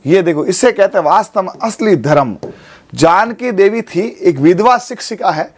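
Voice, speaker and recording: Man in his 40s, high voice, coaching lecture in a studio, keeps checking with students. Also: animated, normal speed. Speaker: teacher. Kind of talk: exam coaching class lecture. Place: studio classroom.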